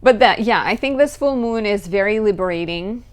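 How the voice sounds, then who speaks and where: A woman astrologer giving a chatty, lively horoscope talk, often saying "like". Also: mid-range voice, moderate pace.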